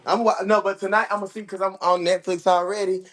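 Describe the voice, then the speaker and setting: A man around thirty chatting casually with friends, quick to react and excitable. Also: sits high. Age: 30s. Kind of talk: casual group chat.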